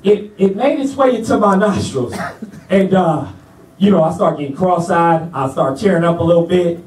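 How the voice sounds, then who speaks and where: High-voiced man telling a stand-up story. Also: lively intonation, moderate pace, a little mellow, reverberant, far from the mic, rough recording. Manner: laid-back, chatty, asks the crowd "you know what I'm saying". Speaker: stand-up comedian. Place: comedy club stage.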